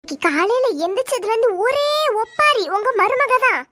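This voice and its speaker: A woman with a Thoothukudi accent voicing a fiery, quick-tempered middle-aged mother-in-law in a cartoon. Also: very high voice, animated, heavily acted. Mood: angry. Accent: Thoothukudi Tamil. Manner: shouting, scornful. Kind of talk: cartoon voice acting.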